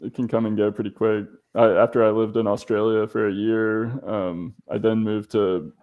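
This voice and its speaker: A man's voice: on the low side, flat delivery, moderate pace, phone-quality sound. A man from the southern US, a podcast guest, chatting in an easygoing, hesitant way. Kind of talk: casual chat.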